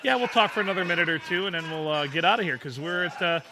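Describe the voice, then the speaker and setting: A man's voice: high-pitched, animated, fast talker, noisy background. A man hosting a podcast in casual comedic chat, joking and laughing often with his co-host. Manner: jokey, laughs often, playful banter.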